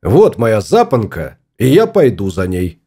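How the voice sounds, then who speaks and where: A man's voice: on the low side, wildly swooping pitch, measured pace, dark tone, husky, exaggerated voice. A man voicing a stubborn, fussy husband exploring space in an audiobook, grumbling and obstinate.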